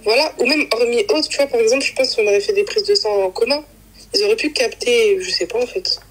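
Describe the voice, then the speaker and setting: A young woman recounts her story in loose, slangy talk, circling back and repeating herself. Her voice is husky, and she slips into the voices of the people she quotes. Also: fairly high pitch, poor audio. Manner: rapid colloquial slang, repeats herself, acts out quoted dialogue; emotional, in denial. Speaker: guest telling her own story. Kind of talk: casual confessional chat.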